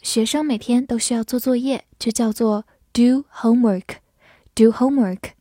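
An English teacher delivers a scripted vocabulary lesson in a fairly high-pitched voice with a mellow, dark tone and fairly even intonation. She speaks clearly and patiently, slowing right down for example sentences. The recording is very dry and close, with no room sound.

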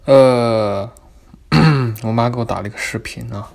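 A young man telling a story in an animated, comic, chatty way. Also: medium pitch, a little fast, creaky, breathy edge. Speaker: vlogger. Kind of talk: casual storytelling.

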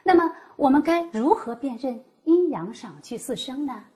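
A woman explaining Mandarin tones as a teacher, demonstrating each tone with exaggerated pitch. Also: animated, moderate pace, dark tone. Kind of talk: scripted teaching dialogue.

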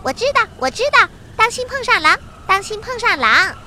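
A woman voicing an excitable, boastful little bunny who keeps repeating herself. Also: moderate pace, slight background noise, exaggerated voice. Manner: shrill, eager, repeats itself.

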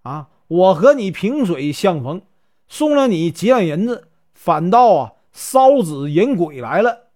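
A man down on his luck, bristling and put out, voice pitched up and rising and falling broadly, as a male storyteller with a Northeastern Mandarin accent plays him. He sounds sore and complaining, a plain character in a spoken folk tale. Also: big pitch swings, measured pace, a little mellow. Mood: indignant. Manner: exasperated, complaining.

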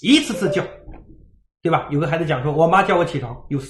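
A man giving a livestream parenting lecture, telling stories in a lively way and acting out the dialogue. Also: a little high, fast talker, reverberant. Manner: lively storytelling, acts out dialogue.

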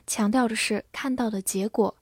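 A woman teaching English vocabulary in a scripted lesson, spelling each word letter by letter and reading example sentences slowly. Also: a little high, fairly even intonation, dry recording, clean studio sound.

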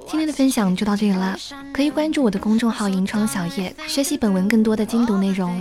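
A young woman acting as a tutor, giving an explanatory close-reading lesson and reading English passages aloud slowly and carefully. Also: mid-range voice.

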